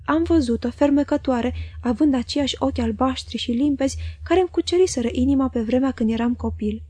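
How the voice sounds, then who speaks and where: A woman reads a classic novel aloud in a measured, literary way. Her voice is high yet mellow, with a husky, breathy grain. The recording is dry and close, with no room sound. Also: no echo. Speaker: audiobook reader. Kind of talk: scripted audiobook narration.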